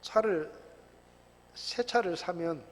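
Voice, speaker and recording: A middle-aged male pastor from South Korea preaching a sermon, full of rhetorical questions and sudden shouted bursts. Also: high voice, slow, in a large hall. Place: church sanctuary.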